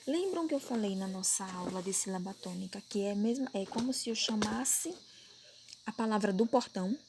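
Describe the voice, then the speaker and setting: In this recorded grammar lesson, a Brazilian Portuguese-accented woman who teaches primary school repeats points patiently and checks that her pupils are following. Her voice is fairly high and a little mellow, with slight hiss or hum present.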